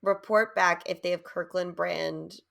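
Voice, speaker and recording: A woman's voice: fairly low pitch, steady tone, a little slow, creaky, a bit bright. A woman co-hosting a casual podcast, chatting and recapping an episode, often breaking into laughter. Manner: giggly, laughs a lot between words. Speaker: podcast co-host.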